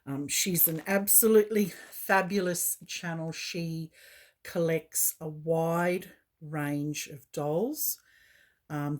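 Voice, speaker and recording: Woman, doll vlog host, unhurried and low, gentle and halting delivery. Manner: gentle, halting, with frequent fillers. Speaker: doll collecting channel host. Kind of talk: unboxing vlog chat.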